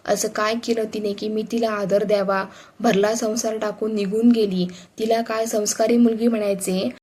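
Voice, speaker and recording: A scornful older uncle in a read-aloud story, as a woman narrator puts him on, scolding with contempt. The voice stays flat, with little rise and fall, and never leaves the storyteller's own tone. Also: medium pitch, moderate pace, breathy edge, close to an everyday voice. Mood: angry scorn. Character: angry domineering older uncle, a man.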